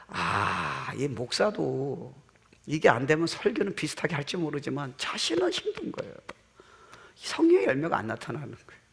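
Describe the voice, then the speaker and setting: A man's voice: fairly high pitch, creaky, slightly rough. Impassioned man preaching in a hall. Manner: animated preaching, mixing in English phrases, shouting amens. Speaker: pastor. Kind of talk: sermon. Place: church sanctuary.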